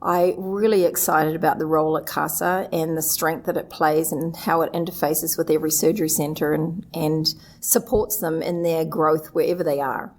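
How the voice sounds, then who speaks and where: A middle-aged woman from New Zealand, an association executive director, appears as a guest in a live conference interview, earnestly listing her experience point after point in a New Zealand accent. Her voice is low and level, at normal speed with few pauses.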